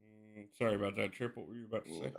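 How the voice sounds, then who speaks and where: A man's voice: fairly low pitch, very fast, creaky. A man live-streaming a mobile game, chatting casually, thinking aloud and greeting his viewers by name.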